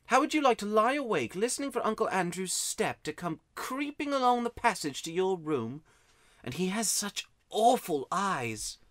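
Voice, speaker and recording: An aggrieved young schoolboy from a children's storybook, as acted out by a narrator. He speaks emphatically in a raised, very animated voice, close and dry. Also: medium pitch, moderate pace, no room sound, pitched above the performer's own voice. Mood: uneasy. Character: miserable, wound-up, grubby young boy from the country. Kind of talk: children's audiobook character voice.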